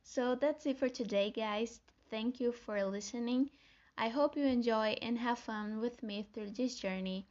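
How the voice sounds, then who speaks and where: This young adult from Brazil speaks with a Brazilian Portuguese accent as she runs her scripted solo podcast in a warm, sincere way that suggests prepared notes. Her voice sits on the high side, a bit slow and darkish, and the recording loses its highs.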